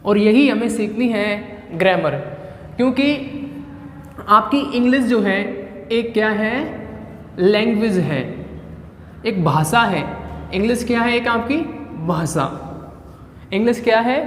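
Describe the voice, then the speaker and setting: A male English teacher giving a classroom-style grammar lesson. He asks himself questions, answers them with a dropped key word, repeats himself and spells words out letter by letter. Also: high-pitched. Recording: echoey room with long reverb, faint background noise.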